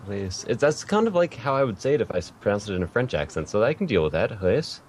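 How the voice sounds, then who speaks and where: Very animated and fast, this man's mid-range voice hosts a podcast interview over a little hiss or hum. His casual chat rambles somewhat, with self-corrections along the way and light laughter.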